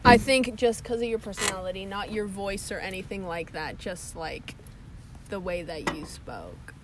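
A young woman hosting a casual podcast, loud, crude and teasing. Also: mid-range voice, expressive, moderate pace, very noisy. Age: young adult. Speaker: podcast host. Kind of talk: casual chat.

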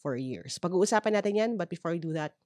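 A woman's voice: on the low side, lively intonation, fast, a little mellow, no room sound, clean studio sound. A woman with a Filipino accent hosting a podcast, explaining ideas in a conversational advice monologue and often checking that listeners follow. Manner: explanatory, frequent self-checking tags. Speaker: podcast host. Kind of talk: conversational advice monologue mixing two languages.

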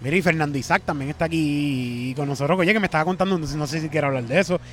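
A man with a Puerto Rican accent hosting a casual chat, excitable and joking, swearing freely. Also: a little high, fast talker, soft background music. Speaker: host.

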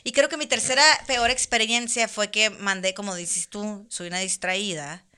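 A woman in casual conversation, telling a long personal story in an animated way, laughing now and then. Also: mid-range voice, moderate pace, clear, resonant tone. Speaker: guest.

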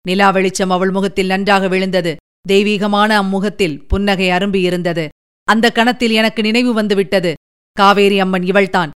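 A woman narrating a novel in a measured, deliberate storytelling manner. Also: medium pitch, smooth. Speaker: audiobook narrator.

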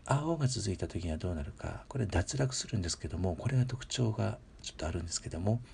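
A man with a very low, gravelly voice teaches a grammar lesson in a patient, measured way. He repeats each example word slowly and speaks in polite, instructive phrases. Faint noise sits under the recording. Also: animated, a little mellow. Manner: polite instructional phrasing with frequent filler pauses. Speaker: language teacher.

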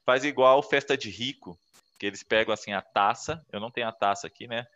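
A man's voice: medium pitch, brisk, pushed and bright. A man coaching on communication in an interview, explaining step by step and acting out the voices in his little stories. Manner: explanatory, acts out quoted voices while telling stories. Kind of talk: interview advice talk. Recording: dull lo-fi sound.

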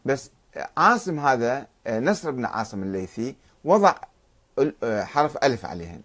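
A man's voice: mid-range voice, big pitch swings, brisk, a bit bright. A middle-aged man giving an explanatory lecture, reading out paired word variants and citing sources. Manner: reads out paired word variants and cites sources, stressing each contrast.

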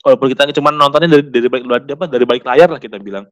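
Fast-talking young man, casual football chat. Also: medium pitch. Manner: quick, chatty, restarts often.

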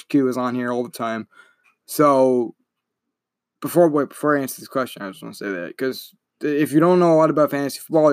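A man's voice: medium pitch, dry recording, clean studio sound. A young man hosting a casual solo sports podcast, talking in a rambling, chatty way and often correcting himself. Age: young adult. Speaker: podcast host.

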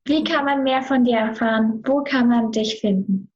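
A woman's voice: on the high side, normal speed, muffled recording. A woman hosting a podcast, gushing and effusive toward her guest. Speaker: podcast host. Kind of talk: casual podcast interview.

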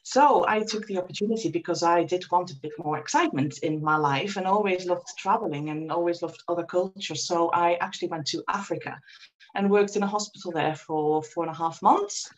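In a rough recording, a lowish-voiced woman talks briskly. She's a guest in an interview, a Dutch woman in her forties from the Netherlands, reflecting on her story with plenty of ums and false starts.

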